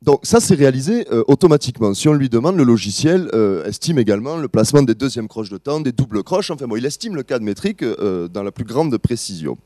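A man lectures as a musicologist, his pitch rising and falling in a lively way over a warm, mellow tone. He explains step by step, pausing on frequent fillers, recorded dry and close. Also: no room sound. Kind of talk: academic presentation.

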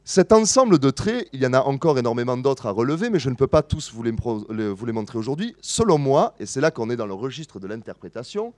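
A male lecturer presenting his analysis to an audience, his pitch rising and falling with a lot of movement. His tone is warm and mellow, and the recording is dry and close. He explains patiently, stopping now and then to correct himself. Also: very animated, no room sound. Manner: explanatory, pauses with fillers and self-corrections. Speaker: musicology lecturer. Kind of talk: academic presentation to a live audience.

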